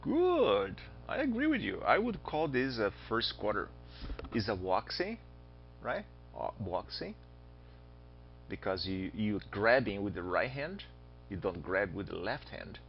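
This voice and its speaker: In a dull lo-fi recording with soft background music, a man from Brazil teaches astronomy. His Brazilian Portuguese accent carries a fairly low voice with big pitch swings at a slightly slow pace, and he chats, questions his students, and jokes on the side.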